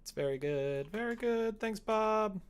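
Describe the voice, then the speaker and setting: This young man, livestreaming from a small indoor room while he codes a game, has a high, expressive voice with a clean tone and a measured pace. He thinks aloud informally and makes self-deprecating remarks.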